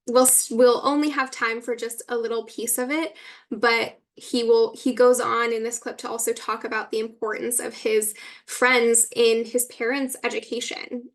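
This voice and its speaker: Female webinar host, explanatory tour-guide delivery, higher pitch, monotone, computer mic on a video call. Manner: explanatory, introducing clips. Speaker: webinar presenter.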